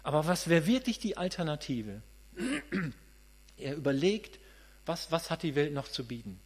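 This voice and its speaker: A husky, slightly high-voiced preacher in his late fifties is very animated yet keeps a measured pace. His conversational, earnest sermon is marked by restarts and repeated words as he thinks on his feet. The hall is reverberant and carries a mains hum.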